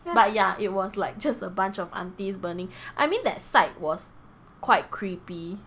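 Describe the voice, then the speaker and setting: A woman's voice: medium pitch, a little slow, slight background noise. A young adult woman with a Singaporean accent, chatting casually and animatedly in colloquial Singlish as she tells stories as a podcast co-host. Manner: animated, giggly.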